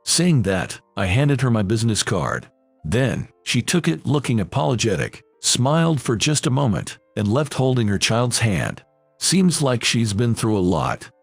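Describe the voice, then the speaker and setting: Gravelly man narrating a drama story. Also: medium pitch, sing-song, measured pace, no room sound, soft background music. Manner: reads every character in one plain voice.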